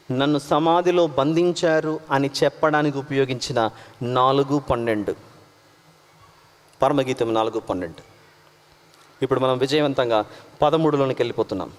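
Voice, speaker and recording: A man preaching a sermon from India, emphatic, swinging between loud proclamation and quiet asides, mixing English words in. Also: mid-range voice, normal speed, long pauses. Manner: mixes English words into his talk. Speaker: pastor. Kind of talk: sermon with live slide directions. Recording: long hall reverb.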